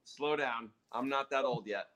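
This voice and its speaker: A man's voice: mid-range voice, unhurried, fairly bright tone. A man co-hosting a podcast in casual, conversational talk with a friend. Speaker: podcast co-host, real estate agent.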